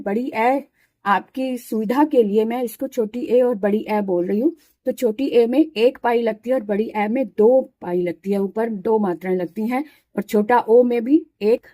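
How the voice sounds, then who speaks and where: A woman's voice: a little high, dark tone, no echo. A woman teaching a Hindi spelling lesson, patiently explaining and repeating syllables aloud one by one.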